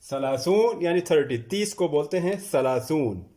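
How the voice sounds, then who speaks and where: A man teaching a classroom lecture, drilling numbers slowly and stressing each one as he repeats it. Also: fairly high pitch, lively intonation, dark tone. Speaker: Arabic teacher. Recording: echoey room.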